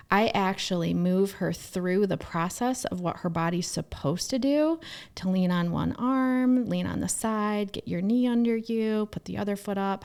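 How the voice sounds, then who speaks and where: A woman co-hosting a casual podcast, a therapist and mother telling lively stories from raising her kids. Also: mid-range voice, vocal fry. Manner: lively storytelling, acts out her own past remarks.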